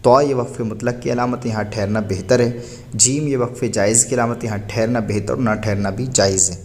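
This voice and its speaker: Patient male teacher spelling slowly. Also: medium pitch, fairly even intonation. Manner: spells words out slowly, letter by letter; patient, explanatory, asks and answers his own questions. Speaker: Quran reading teacher. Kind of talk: recorded lesson.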